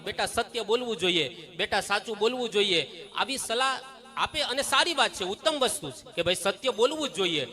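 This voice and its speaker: A woman giving a devotional sermon at a temple gathering, telling stories and acting out the people in them. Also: mid-range voice. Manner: animated storytelling, acting out quoted people. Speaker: religious discourse speaker.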